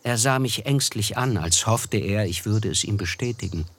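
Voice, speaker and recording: Husky, fairly low in pitch and a bit bright, this male actor's voice plays a melancholy narrator reflecting on the past. He tells a literary radio drama in thoughtful, measured phrases, with a plain, measured mood.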